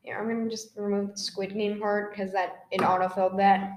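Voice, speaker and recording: A woman's voice: mid-range voice, flat delivery, a little fast, slight background noise. A woman co-hosting a casual chat podcast, rambling and trailing off into restarts. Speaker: podcast co-host. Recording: roomy echo.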